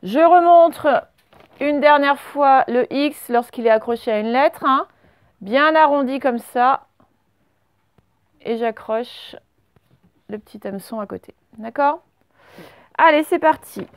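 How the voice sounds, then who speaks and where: A French woman teacher giving a slow dictation lesson to young children, stretching out words and spelling letters. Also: high-pitched, no echo. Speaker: primary school teacher.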